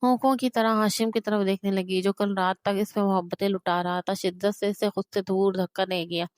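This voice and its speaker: A woman narrating a romance novel with steady, emotive storytelling. Her voice is smooth and resonant at a middle pitch, recorded dry and close. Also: no room sound.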